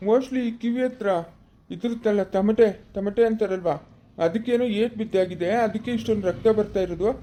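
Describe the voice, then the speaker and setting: A woman playing a brisk hospital doctor who scolds and gives orders. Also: mid-range voice, mellow, close to an everyday voice. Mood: stern. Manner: brisk, scolding, takes charge. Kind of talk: homemade family drama skit.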